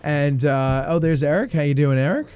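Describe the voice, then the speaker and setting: Mellow, slightly high-voiced man hosting casually. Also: moderate pace, smooth. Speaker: show host. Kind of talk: casual interview.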